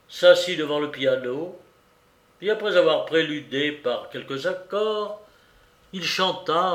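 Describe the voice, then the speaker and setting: A man narrating an audiobook in a measured, even storytelling manner. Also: fairly high pitch. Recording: roomy echo.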